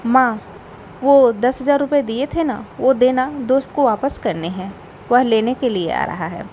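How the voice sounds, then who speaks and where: A woman's voice: on the high side, unhurried, a little mellow, a little hiss or hum. Woman reading as a worried young son. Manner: anxious, earnest.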